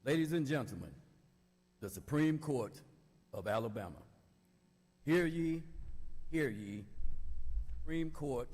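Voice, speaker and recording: A man calls out a ceremonial proclamation like a town crier. His phrases are loud, measured and formal, at a middling pitch, ringing through a large echoey hall. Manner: loud, slow, formal calling out in short phrases. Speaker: court crier opening a session. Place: large indoor auditorium. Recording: echoey hall, faint noise.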